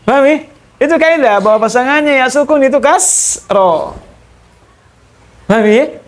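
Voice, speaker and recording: A male teacher lectures in a classroom, going through each rule step by step. He speaks slowly and keeps checking whether his students have understood. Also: extremely high pitch, lively intonation. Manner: explains step by step, repeating key terms. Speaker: Arabic grammar teacher.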